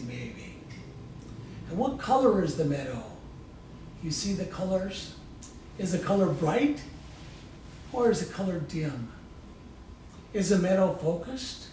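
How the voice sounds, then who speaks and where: A guest presenter with a high, somewhat mellow voice walks an audience through live guided imagery, coaxing them softly in informal, folksy language and repeating short phrases frequently. The recording is distant and echoey, with faint background noise.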